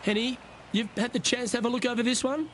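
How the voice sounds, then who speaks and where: A high-voiced male golf commentator calls play in a video game. He is composed and courteous, with a measured, polished broadcast delivery, over clear outdoor background noise. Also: fairly even intonation. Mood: composed, approving.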